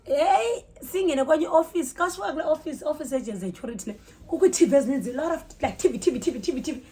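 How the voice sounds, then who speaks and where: A woman with a South African Xhosa accent and a high voice tells a story fast, casually, and expressively as a storytime vlogger. She's animated, switches languages mid-sentence, exclaims, and acts out dialogue, with a slight hiss or hum on the recording.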